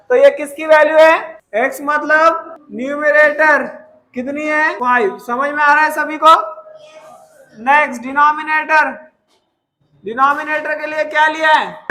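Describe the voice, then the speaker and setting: A man teaches a math class in a high voice and an unhurried delivery. He dictates each problem slowly, word by word, then stops often to check that every student is following. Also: sharp tone, rough recording. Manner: keeps checking with students whether they understand.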